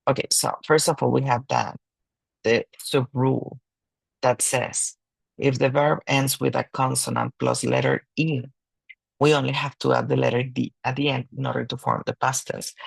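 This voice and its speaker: A man's voice: medium pitch, level tone, gravelly, breathy edge, no room sound, rough recording. A man teaching an online grammar lesson, explaining patiently in two languages with small restarts. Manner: slow and patient, switching between Spanish and English, with restarts. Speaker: English teacher.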